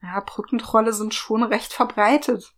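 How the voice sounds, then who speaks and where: A woman's voice: fairly high pitch, fairly even intonation, normal speed. A woman co-hosting a podcast, chatting casually and making wry, teasing remarks. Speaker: podcast co-host. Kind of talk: casual chat.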